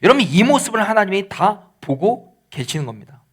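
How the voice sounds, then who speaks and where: A man's voice: high-pitched, very animated, brisk, fairly bright tone, breathy edge. A male pastor preaching a midweek church sermon, explaining scripture in plain conversational words and rising to emphatic pleading. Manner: explains scripture in plain conversational paraphrase, acting out quoted lines.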